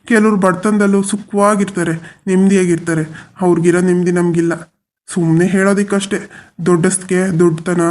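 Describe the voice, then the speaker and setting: An actor voicing a weary, resigned middle-aged father in a cartoon, who talks slowly and consoles his wife. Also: mid-range voice, a little mellow, natural voice. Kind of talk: cartoon voice acting.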